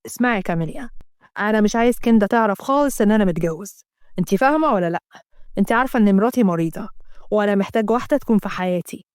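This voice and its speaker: A man's voice: sits high, expressive, racing, clear, resonant tone, no room sound, clean studio sound, pitched below the performer's own voice. A woman voicing a cold, commanding male boss with an Egyptian Arabic accent, giving stern, clipped orders.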